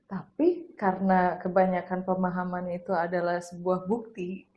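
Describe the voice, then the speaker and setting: A woman's voice: lowish voice, little pitch movement, normal speed, highs cut off. Chatty woman co-host. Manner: chatty, frequent hums of agreement, laughs as she talks. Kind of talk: casual chat.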